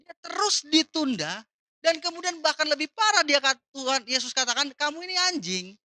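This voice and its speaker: A woman preaching at a youth conference, asking the audience questions and swinging from loud to soft as she retells a story. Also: high voice, animated, moderate pace, no echo. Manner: addresses the audience as "saudara" and asks them questions; retells the story with dramatic rises and drops in loudness. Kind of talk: conference sermon.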